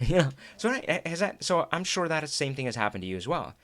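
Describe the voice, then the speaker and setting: A middle-aged Indian host, Hindi being his mother tongue, speaks fast in a voice on the high side, with an Indian accent. His live talk is lively and conversational, full of laughs.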